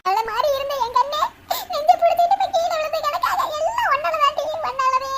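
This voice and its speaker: A woman's voice: extremely high pitch, animated, brisk, exaggerated voice. A woman voicing a gossipy, scheming village woman with a Tirunelveli Tamil accent, wailing and taunting in a cartoon comedy. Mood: scolding. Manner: wailing, taunting, sing-song scolding. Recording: loud noisy hiss.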